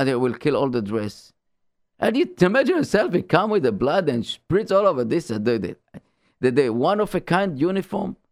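Gravelly man teaching Torah haltingly. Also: medium pitch, dry recording, clean studio sound. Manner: halting, repetitive, searching for words; animated rhetorical questions and exclamations. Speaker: religious teacher. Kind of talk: informal Torah talk.

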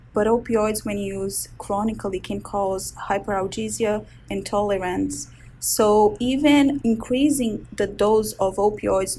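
A resident physician from Brazil, a woman in her thirties with a Brazilian Portuguese accent, speaks in a medium, slightly mellow voice while answering interview questions about her research. She takes care with medical terms and hesitates frequently. The low-quality recording has a little hiss or hum.

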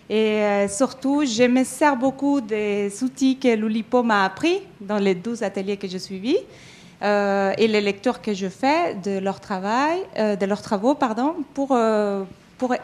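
A woman's voice: fairly high pitch, darkish tone. Hesitant woman from Mexico. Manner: hesitant, many fillers and restarts. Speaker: event organizer. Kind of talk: event introduction speech.

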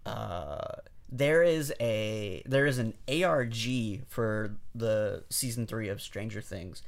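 Gravelly, hesitant man chatting on a podcast. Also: fairly low pitch, takes it slowly. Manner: rambling, hesitant, many fillers and restarts. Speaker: podcast co-host. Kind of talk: casual podcast chat.

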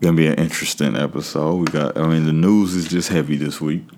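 A man's voice: extremely low pitch, steady tone, fast talker, a little mellow, a little hiss or hum. A man hosting a podcast solo in a casual, slangy, conversational way, talking straight to his listeners. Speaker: podcast host.

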